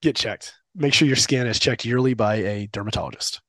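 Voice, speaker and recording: A man co-hosting a podcast in an easy, teasing way, ribbing his partner and sometimes hamming up his enthusiasm. His voice sits at an ordinary middle pitch. The recording is dry and close, with no room sound. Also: brisk, fairly bright tone, no echo. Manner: teasing, playful, breaks into bursts of exaggerated enthusiasm. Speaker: podcast co-host. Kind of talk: casual chat.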